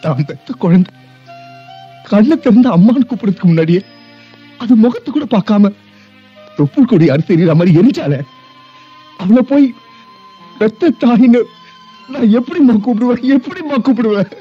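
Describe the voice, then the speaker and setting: A high, husky male voice with sweeping swings of pitch, playing a grown son who grieves and lashes out at the mother who abandoned him. The dialogue is tearful and pleading, heard on a dull, muffled film soundtrack with music underneath. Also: lively intonation, moderate pace, long pauses. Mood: grieving. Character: grieving young adult son, bitter toward his birth mother.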